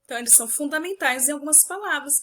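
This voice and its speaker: A Brazilian woman teacher with a Brazilian Portuguese accent, explaining a lesson to her pupils and drawing out words slowly to show their stressed syllables. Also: high-pitched, lively intonation, pushed and bright. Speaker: primary school teacher. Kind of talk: recorded remote class explanation.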